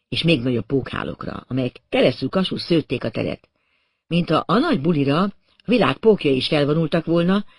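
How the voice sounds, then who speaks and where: A man's voice: a little high, husky, dry recording, clean studio sound. A man narrating an audiobook in a wry, dryly humorous storytelling manner. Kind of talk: scripted narration.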